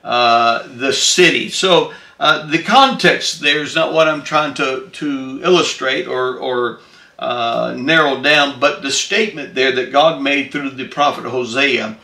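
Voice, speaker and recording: A man preaching a Bible study sermon, halting over frequent filler sounds and repeated phrases, then making emphatic declarations. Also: mid-range voice, gravelly, bright, forceful tone. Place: church. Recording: echoey room.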